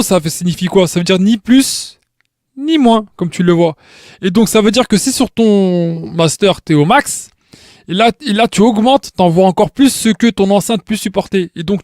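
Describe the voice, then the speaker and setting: Here a tutorial maker's voice sits high with a darkish tone, recorded cleanly in a studio with no echo. He explains things step by step in a casual way, restarting frequently, repeating himself, and checking on the viewer.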